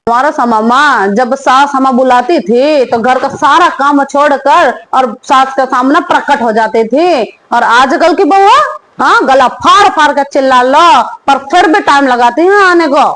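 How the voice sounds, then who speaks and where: A woman's voice: sits high, unhurried, fairly bright tone. A woman voicing a nagging, sarcastic older mother-in-law in a comedy skit, scolding and taunting.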